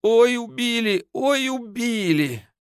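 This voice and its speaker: A man's voice: sits high, sing-song, a little slow, dry recording, studio quality, pitched above the performer's own voice. A man voicing a terrified bearded peasant man who wails and babbles in protest. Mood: wailing.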